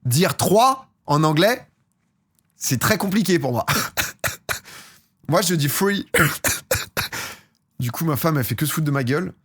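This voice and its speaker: A man's voice: on the high side, expressive, unhurried, pauses often, husky, dry recording. A young man from France chatting casually on a live stream, rambling and slangy, often laughing at himself. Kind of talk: casual chat with chat viewers.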